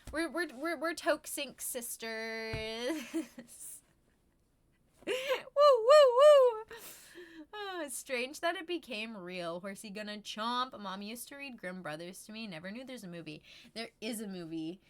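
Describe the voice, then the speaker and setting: Young woman, bright forceful tone, high pitch, casual slangy stoner chat. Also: normal speed. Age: young adult. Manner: stoner talk, slangy and swearing. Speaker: live streamer chatting with viewers.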